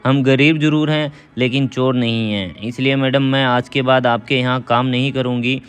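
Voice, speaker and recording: A man's voice: mid-range voice, fairly even intonation, normal speed, clear, resonant tone, lightly acted. Pleading poor housemaid, read by a man. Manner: pleading, defensive.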